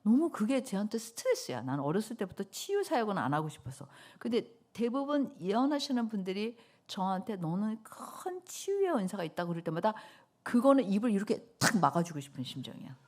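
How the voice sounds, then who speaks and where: A middle-aged woman pastor giving a sermon in church, telling stories with loud outbursts and soft whispers. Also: medium pitch, brisk, hardly any pauses. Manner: animated storytelling, swings between loud outbursts and soft whispers.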